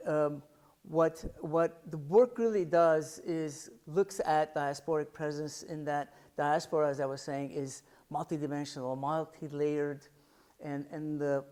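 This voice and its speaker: At a library art center, a middle-aged man from the United States presents his photographs in an artist talk. His voice sits on the high side and is a little mellow, and he sounds thoughtful, groping for words with frequent fillers and restarts.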